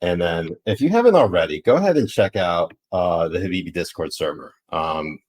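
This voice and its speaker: A podcast co-host with a Pakistani accent rambles on a live political chat show, filling his talk with fillers and laughing easily. His voice is low-pitched, darkish, and animated, and he speaks fairly quickly.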